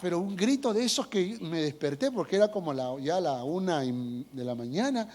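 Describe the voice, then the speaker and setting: A man's voice: fairly high pitch, normal speed, a little hiss or hum. A middle-aged man, a pastor preaching a sermon and telling stories, acting out voices and asking the congregation. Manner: animated storytelling, acts out voices, asks the congregation.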